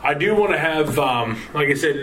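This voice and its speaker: A man's voice: a little high, lively intonation, a bit bright, rough recording. A man hosting a casual sports podcast, tired and rambling, with lots of fillers and restarts. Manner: rambling, halting sign-off with many fillers. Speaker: podcast host.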